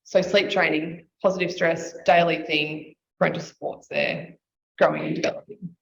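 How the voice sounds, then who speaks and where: A woman's voice: sits low, level tone, moderate pace, creaky. A woman explaining child sleep as an expert guest, laying out her points step by step. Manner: explanatory, sets out points in lists. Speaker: sleep and nutrition consultant. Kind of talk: expert explaining in casual interview. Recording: slightly dull audio with faint noise.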